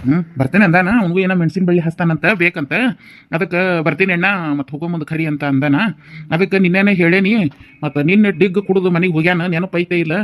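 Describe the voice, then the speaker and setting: A man's voice: sits high, fairly even intonation, natural voice. A man voicing a middle-aged village farmer talking plainly with his wife, in a North Karnataka Kannada accent. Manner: brisk, matter-of-fact. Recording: dull lo-fi recording.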